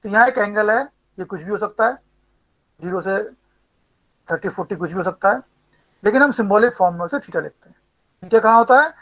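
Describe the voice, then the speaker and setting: Man teaching math, slow repetition. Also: high-pitched, pushed and bright, rough recording. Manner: repeats key formulas slowly, calls students by name and "beta". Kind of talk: live class teaching, Hindi-English mix.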